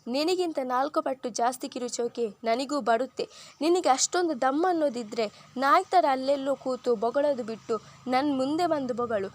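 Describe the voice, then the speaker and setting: A woman's voice: high voice, normal speed, close to an everyday voice. A woman playing a taunting, arrogant businessman. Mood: defiant. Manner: mocking, contemptuous. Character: arrogant defiant young businessman, taunting rival.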